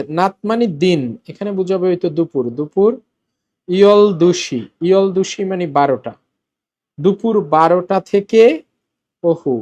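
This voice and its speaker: A man teaching a Korean lesson in Bengali, explaining step by step, repeating words slowly and asking the class questions. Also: high voice, a little mellow, lo-fi sound. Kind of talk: classroom-style language lesson.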